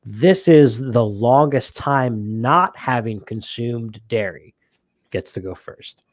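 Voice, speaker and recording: A man's voice: medium pitch, takes it slowly, dry recording. A man co-hosting a casual board game podcast, rambling with many fillers and frequent laughs. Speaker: podcast co-host. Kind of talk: casual chat.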